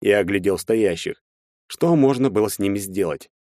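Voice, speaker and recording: Low-voiced male audiobook narrator. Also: lively intonation, normal speed, warm tone, no room sound, clean studio sound. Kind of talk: first-person audiobook narration.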